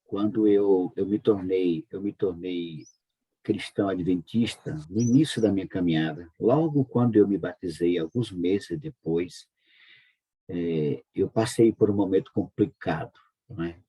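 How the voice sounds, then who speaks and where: A man's voice: sits low, measured pace, warm tone, husky, dull audio. A man from Brazil giving an earnest, heartfelt church testimony, his voice rising into pleading peaks as he recounts his story. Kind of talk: emotional spoken testimony.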